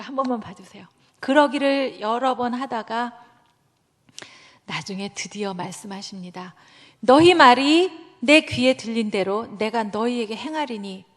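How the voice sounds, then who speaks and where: Middle-aged woman church elder giving a lively testimony with acted-out quotes; slightly high voice, long hall echo. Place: church sanctuary.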